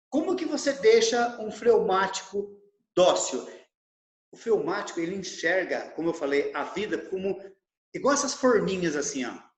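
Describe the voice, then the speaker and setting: Animated high-voiced man lecturing. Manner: animated, acts out little dialogues in his examples. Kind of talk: lecture over a video call. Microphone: video call microphone. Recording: roomy echo on a video call.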